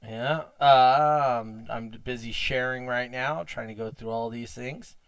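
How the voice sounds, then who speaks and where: A man's voice: medium pitch, steady tone, unhurried, a bit bright, clear, resonant tone, dry recording. Chatty male podcast host, dry sound. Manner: chatty, laughs easily. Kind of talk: casual livestream chat.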